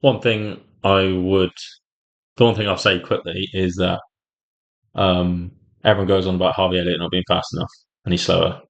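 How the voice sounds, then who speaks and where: A man with an English accent co-hosting a football podcast, talking in quick, offhand casual chat. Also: low-pitched, flat delivery, gravelly, muffled recording. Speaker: podcast co-host.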